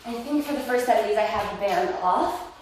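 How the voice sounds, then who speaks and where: Cueing moves and counting reps, a woman leads a Pilates workout in a medium-pitched, animated, brisk voice, encouraging though slightly out of breath from exercising too. The distant mic captures roomy echo, faint music, and slight background noise.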